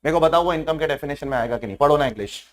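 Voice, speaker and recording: Young male tax lecturer with a high voice, animated, pushes students to respond, mixes in English terms. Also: racing. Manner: animated, keeps prodding students to answer. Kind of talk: classroom lecture. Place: classroom with online students joining.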